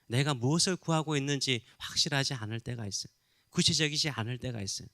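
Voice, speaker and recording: A man's voice: medium pitch, quick pace, sharp tone, dry recording, studio quality. A middle-aged man preaching a sermon as pastor, teaching with questions to the congregation and acting out quoted voices. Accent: Korean. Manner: teaching, asks the congregation questions, acts out crowd rebukes.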